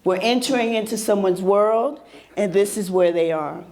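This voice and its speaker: Presenting a workshop at a mental health symposium, this woman keeps a medium pitch and a moderate pace, her tone a little mellow. Her delivery is calm and conversational, and she regularly asks the audience questions.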